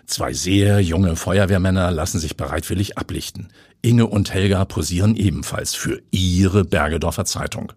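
A man reading a story aloud with vivid, expressive storytelling. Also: deep voice, breathy edge, no echo, clean studio sound. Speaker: narrator.

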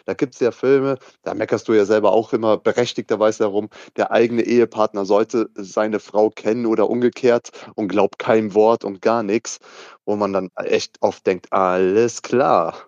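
A man chatting about a film as co-host in a relaxed, opinionated way. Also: fairly low pitch, normal speed, no room sound, highs cut off. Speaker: podcast co-host. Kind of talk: casual film discussion.

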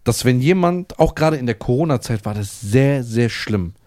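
Animated man telling a story. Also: medium pitch, normal speed. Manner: animated anecdote teller, swears oaths for emphasis. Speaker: comedian guest. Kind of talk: casual podcast chat, storytelling.

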